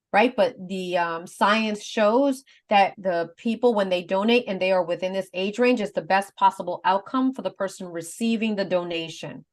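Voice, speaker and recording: Woman, 50s, talk-show guest, earnest step-by-step explainer, easy laugh, mid-pitched. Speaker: guest advocate. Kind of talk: casual explanatory chat.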